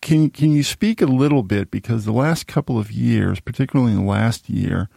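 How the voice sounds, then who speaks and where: Older male radio host, very gravelly, dark mellow voice, dry studio sound, rambling questions. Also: medium pitch, brisk, dry recording. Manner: long rambling questions with many restarts. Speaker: radio talk show host. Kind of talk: radio interview. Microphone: studio microphone.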